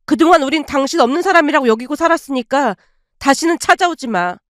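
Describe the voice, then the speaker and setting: A woman voicing a bitter, angry middle-aged mother who answers in sharp, curt retorts. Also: sits high, animated, fast, no room sound, clean studio sound.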